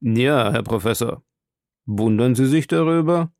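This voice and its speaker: A stern, proud submarine captain, read by a man in a calm and commanding audiobook voice. His tone is gravelly with fry at the ends of phrases, and the recording is dry and close. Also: mid-range voice, measured pace, no room sound. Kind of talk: audiobook role reading.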